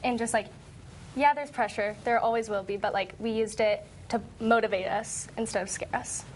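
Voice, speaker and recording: Fairly high-voiced teenage girl athlete. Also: fairly even intonation, moderate pace, a little hiss or hum. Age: teens. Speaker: student athlete being interviewed. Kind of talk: casual interview answers.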